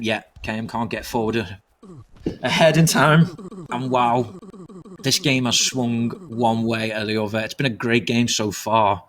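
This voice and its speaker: A man doing fast live play-by-play commentary on an online soccer match, jumping up in excitement at goals and a little out of breath. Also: medium pitch. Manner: excitable, rapid, rises sharply on goals. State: slightly out of breath. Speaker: esports commentator.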